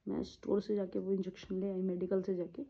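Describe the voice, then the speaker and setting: A woman's voice: mid-range voice, completely flat delivery, warm tone. Woman telling a sad personal story, keeps trailing off and repeating herself, sounds like a phone line. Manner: halting and repetitive, trailing off; emotional, grieving tone. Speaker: vlogger. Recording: tinny phone-like audio.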